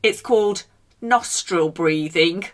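A woman's voice: on the low side, takes it slowly. A woman leads a casual guided breathing lesson, talking the listener through steps in a playful, encouraging way. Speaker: breathing exercise instructor.

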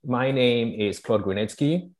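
A man from Togo, moderating an online forum in a measured way, often searching for his words. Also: medium pitch, animated, darkish tone. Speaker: panel moderator. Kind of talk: introducing an online forum discussion.

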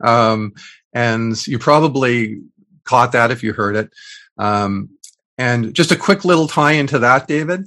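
Brief: middle-aged male co-host, loose meandering talk full of ums, average pitch, over a video call. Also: measured pace, a bit bright. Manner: rambling, many fillers and restarts, chuckling. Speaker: podcast co-host. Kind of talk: casual chat.

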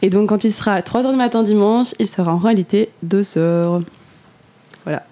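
A woman with a mellow, soft tone sharing a practical tip in a casual radio chat. Her delivery is playful and a little mock-formal. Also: medium pitch, normal speed. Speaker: co-host.

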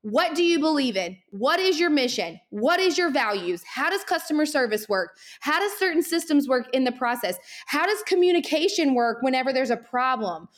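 A woman hosting her own podcast, giving energetic, animated marketing advice at great speed and sounding a little winded. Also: high-pitched. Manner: energetic, animated, talks very fast. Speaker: podcast host, social media marketer. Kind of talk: fast motivational solo podcast talk.

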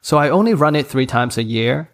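Animated and brisk, this mid-pitched Hong Kong–accented man in his thirties appears as a podcast guest and course creator, talking casually in his third language, English. He's frank, self-deprecating, and laughs a lot.

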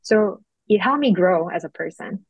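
In this interview, the guest is a young woman from South Korea whose low voice has a breathy edge and lively intonation. She talks at a moderate pace, reflective and thoughtful, with frequent fillers. There's no room sound in the dry recording.

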